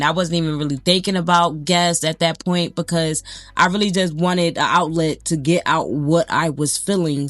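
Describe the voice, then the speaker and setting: A young woman, a podcast host, talking candidly and haltingly about her own hard times, getting emotional and close to tears. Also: sits low, a bit bright, dry recording. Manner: candid, halting, trails off into fillers. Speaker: podcast host, interviewed as guest. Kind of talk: emotional personal conversation.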